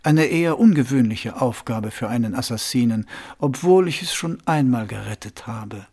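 Here a man voices a cool, suave former assassin turned city ruler, whose smooth, unhurried speech carries faint amusement and sits a little higher than the narrator's. His voice is expressive with a darkish tone, and the feel is silky and measured.

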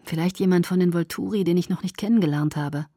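A woman reading as a young vampire man, speaking low and hushed. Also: fast, husky, no room sound, studio quality. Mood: subdued.

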